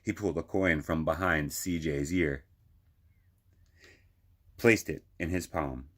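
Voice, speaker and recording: A man's voice: extremely low pitch, takes it slowly, fairly bright tone. A man reading a children's picture book aloud as a librarian would, expressively, drawing out phrases for emphasis.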